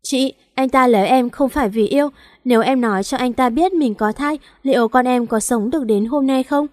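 A stubborn young pregnant wife, defiant and tearful as she pushes her husband away in a storybook reading, as a woman puts her on. Her voice sits on the high side and the sound is dry and close. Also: brisk, no echo, lightly acted.

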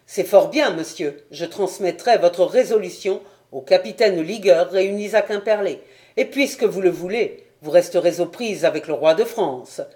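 A woman voicing a weary, stern nobleman commander in a storybook reading, speaking gravely and with reproach. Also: lowish voice, moderate pace, mellow, close to an everyday voice. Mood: reproachful.

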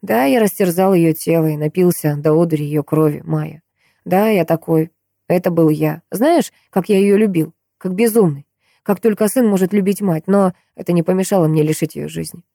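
A woman voicing a tormented young male vampire, speaking slowly and wearily. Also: gravelly, warm tone, dry recording, clean studio sound. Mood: confessing. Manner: low, slow and weary.

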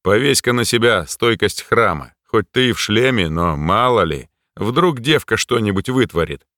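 A man voicing a wary male companion who mutters warnings in a low, confiding hush. The sound is dry and close. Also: lively intonation, normal speed, no room sound. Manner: hushed, confiding.

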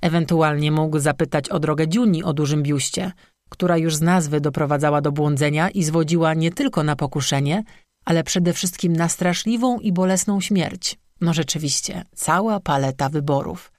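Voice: mid-range voice, moderate pace, no echo. Wry, dry-sounding audiobook narrator. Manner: wry, sarcastic storytelling.

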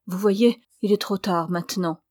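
A woman voicing a torn, impulsive young man who speaks in a louder, urgent, pleading way, in a dry recording. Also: mid-range voice, normal speed, no room sound, close to an everyday voice.

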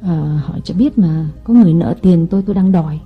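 A man's voice: fast, phone-quality sound, faint music behind. A man doing a coy, scheming young wife. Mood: coaxing. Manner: wheedling, coy falsetto.

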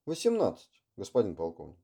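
A man voicing a rough young lieutenant who talks curtly and coarsely. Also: deep voice, wildly swooping pitch, fairly quick, mellow, full character voice. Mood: agitated. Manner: curt, coarse.

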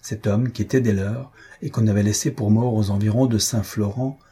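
A man reading a historical tale aloud as an audiobook narrator, in measured, even storytelling. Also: on the low side, breathy edge. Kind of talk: scripted narration.

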